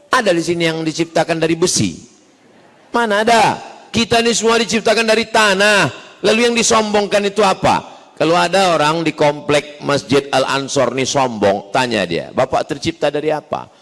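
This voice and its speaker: Middle-aged preacher, fairly high voice, lively joking sermon, long hall reverb. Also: male voice, normal speed. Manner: lively, joking storyteller who swings between high bursts and low asides. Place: mosque complex hall.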